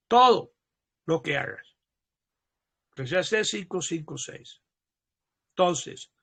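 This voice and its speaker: Man, pastor, sermon, slow and deliberate, bright gravelly voice. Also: sits high. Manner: slow, emphatic, repeating key phrases. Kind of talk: Bible teaching sermon.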